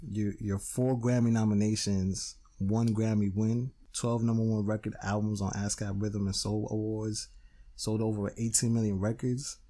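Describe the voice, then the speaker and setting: A man's voice: fairly low pitch, level tone, moderate pace, dark tone. A man hosting a podcast interview who asks questions in a loose, joking, profane way. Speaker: podcast host.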